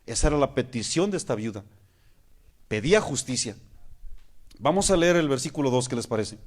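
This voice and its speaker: A man's voice: mid-range voice, expressive, fairly quick. A man, a pastor preaching a sermon. He asks his listeners questions and keeps calling them "hermanos". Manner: acts out praying voices mid-sermon.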